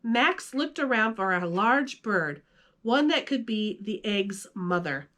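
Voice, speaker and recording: Playful and chatty, this female host shifts from casual vlog talk to a children's story read-aloud. She speaks slowly in an animated, medium-pitched voice with a slightly bright tone.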